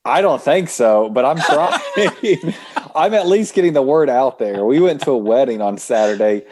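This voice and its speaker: Lively, laughing man telling stories. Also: mid-range voice, normal speed. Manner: animated storytelling, laughs often. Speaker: podcast co-host. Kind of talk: casual chat.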